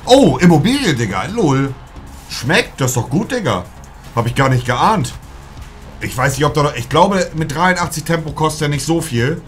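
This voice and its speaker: A man's voice: on the high side, animated, moderate pace. A young man, casually commenting on his FIFA pack openings in slangy street talk, with game music faintly behind him. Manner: slangy, says "Digga" constantly, bursts into shouting at good pulls. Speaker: streamer opening FIFA packs. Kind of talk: casual live-stream commentary.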